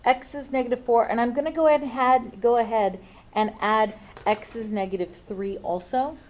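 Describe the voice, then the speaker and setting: A woman's voice: on the high side, normal speed, a little mellow, slight background noise, low-quality recording. A woman teaching a math lesson, thinking aloud and checking in with frequent "okay?"s.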